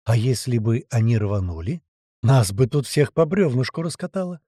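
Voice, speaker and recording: A man narrating an audiobook in the first person, in an expressive, colloquial storytelling manner. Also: medium pitch, normal speed, husky, dry recording, studio quality.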